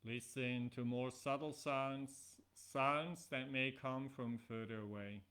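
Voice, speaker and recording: In measured phrases with pauses, a middle-aged man gives guided yoga nidra relaxation instructions. He speaks in a mid-range voice, steady and a bit bright.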